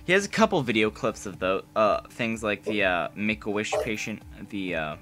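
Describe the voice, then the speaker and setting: A man's voice: on the low side, animated, normal speed. A man co-hosting a casual live podcast, rambling along with lots of fillers. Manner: rambling, filler-heavy, easygoing. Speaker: podcast co-host.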